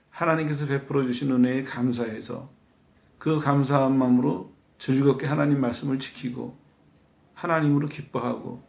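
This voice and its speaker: A man gives a sermon in an easy, talking-to-you way, stopping to ask the congregation questions. His voice sits a little high for a man and has a gravelly edge. The sound rings in an echoey hall. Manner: conversational preaching, rhetorical questions. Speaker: pastor.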